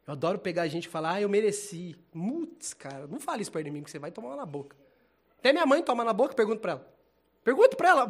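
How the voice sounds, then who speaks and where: High-voiced, lively preacher man. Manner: casual, animated, slangy preaching, laughs often. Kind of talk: informal sermon.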